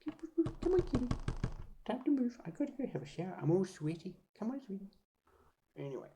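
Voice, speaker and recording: Her pitch sits in the middle and her tone is dark, and she talks briskly and very animatedly. This forties-aged vlogger chats aimlessly to herself from a swivel chair beside her sofa at home, breaking into sing-song baby talk for her cat.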